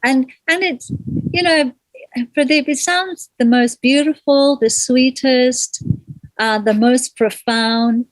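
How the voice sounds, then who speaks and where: Soft-spoken woman, slightly high, dry sound. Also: slow pace, no echo, poor audio. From Malaysia. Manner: gentle, thoughtful, searches for words. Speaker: guest, kirtan singer. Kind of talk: reflective interview conversation.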